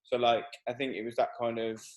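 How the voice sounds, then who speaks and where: A man's voice: medium pitch, little pitch movement, fairly quick, dull audio. A man in his twenties from Birmingham, a guest singer-songwriter rambling casually in a radio interview with many fillers. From Birmingham, England. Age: 20s.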